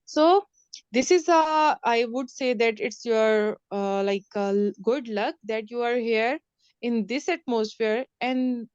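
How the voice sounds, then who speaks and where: A woman's voice: fairly high pitch, slow, a little mellow, clean tone, no echo, muffled recording. Female online English tutor, Pakistani accent. Reassuring, repetitive, informal, close dry sound. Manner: repetitive, reassuring, calls student dear. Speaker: English teacher. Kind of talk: informal online lesson, encouraging talk. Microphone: online call.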